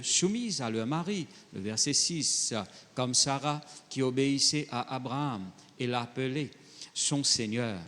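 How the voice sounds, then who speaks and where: A man's voice: mid-range voice, a bit bright. Man preaching in a reverberant hall. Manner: conversational preaching, mixing French with Creole phrasing; reads Bible verses then addresses the congregation directly. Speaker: pastor. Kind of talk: sermon.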